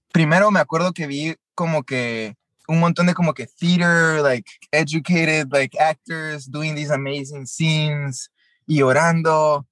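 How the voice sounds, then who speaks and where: A young Guatemalan man tells his story as an interview guest, switching between Spanish and English mid-sentence with many fillers. His voice is a little high and a bit bright, in a dry recording.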